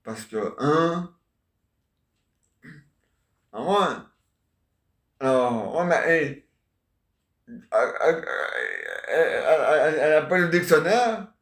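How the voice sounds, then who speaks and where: A man playing a chatty middle-aged husband who grumbles about his wife, rambling and often clearing his throat. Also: fairly high pitch, animated, slow, pauses often, a bit bright, echoey room. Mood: grumbling. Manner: rambling, repeats himself, frequent throat clearing. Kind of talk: homemade comic character sketch.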